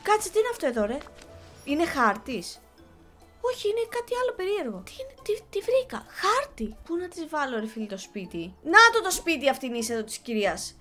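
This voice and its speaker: A woman's voice: high voice, big pitch swings, a bit bright. A young woman casually commenting on her own gameplay, chatty and often exasperated, talking to her viewers and to the game characters. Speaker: gaming channel host. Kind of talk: casual let's-play commentary. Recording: faint game music behind.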